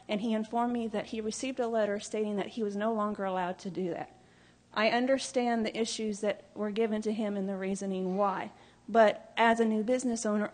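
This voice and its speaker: A nervous woman addressing a city council during public comment, earnest and stumbling over a few words. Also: on the high side. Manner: earnest, a few slips and restarts.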